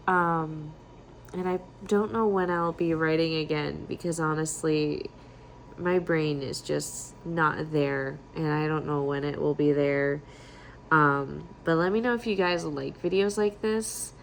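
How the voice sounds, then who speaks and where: Speaking low, this young woman vlogs to camera in a chatty, candid, self-mocking manner. She is a writer and new mother, and the audio is poor with slight background noise.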